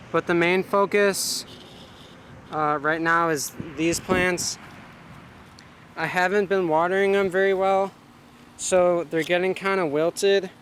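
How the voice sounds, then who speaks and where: A man with a fairly high, bright voice and a forceful tone rambles through a casual vlog in his home garden, full of fillers. He holds the camera himself, and there's slight background noise.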